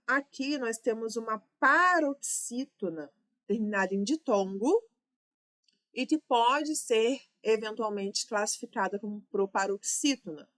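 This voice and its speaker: Female teacher, Brazilian accent, clear explanatory delivery for exam-prep grammar lessons. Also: mid-range voice, fairly bright tone. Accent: Brazilian Portuguese. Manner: explanatory, checks in with "certo?". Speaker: Portuguese teacher.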